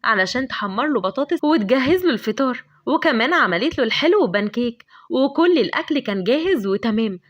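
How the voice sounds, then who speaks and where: Brief: Egyptian woman storyteller, high voice, rapid lively narration.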